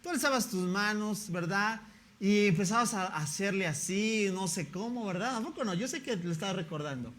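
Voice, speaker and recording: A man's voice: high voice, animated, normal speed, a bit bright. A male pastor, preaching a sermon in a conversational way and often asking the congregation rhetorical questions.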